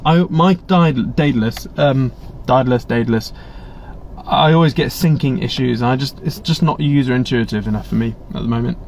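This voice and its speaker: A mid-range, darkish voice at a moderate pace belongs to an English man hosting a casual live stream where he reads viewer chat and answers questions. He's chatty and rambling, blunt at times, and restarts a lot. The webcam audio is slightly muffled and carries a little hiss or hum.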